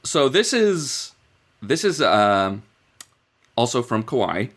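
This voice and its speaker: Animated mid-pitched man on a comedy podcast. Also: slow. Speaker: podcast co-host. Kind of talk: casual comedy podcast banter.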